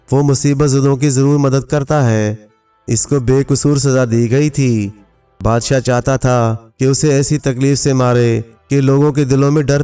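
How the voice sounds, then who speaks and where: A man reading a scripted folk tale aloud as a storyteller, in a steady, even manner, quoting each character without changing his voice. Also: mid-range voice, smooth. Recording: narration from a distance over faint music.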